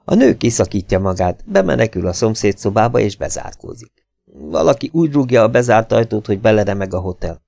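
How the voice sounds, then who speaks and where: A man reading a novel aloud as an expressive, dramatic audiobook narrator. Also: lowish voice, creaky, dry recording.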